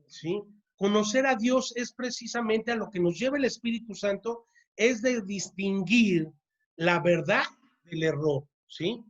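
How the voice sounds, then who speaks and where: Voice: medium pitch, a little slow. Church teacher, muffled lo-fi recording. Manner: keeps asking the audience "¿sí?", repeats key words. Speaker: church teacher leading a parenting class.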